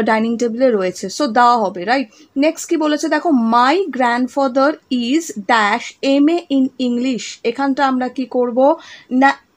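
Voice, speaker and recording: Patient high-voiced woman teaching grammar. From West Bengal, India. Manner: patient, checks in often with "okay?" and "right?"; reads exercise sentences slowly and deliberately. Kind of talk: explaining a grammar lesson to young students.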